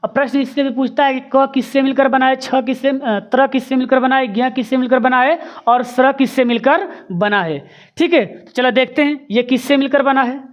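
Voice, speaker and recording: A woman's voice: high voice, moderate pace. A woman teacher giving an exam-prep grammar lesson, posing rhetorical questions, answering them herself and drilling sounds aloud. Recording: dull lo-fi recording.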